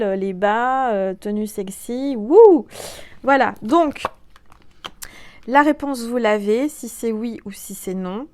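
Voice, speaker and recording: A woman with a mid-pitched voice gives a casual tarot reading straight to her viewers. She is chatty and playful, full of exclamations, and she softens to a hushed voice whenever she calls on the cards. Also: clean tone. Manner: drops to soft, hushed tones when calling on cards. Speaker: tarot card reader.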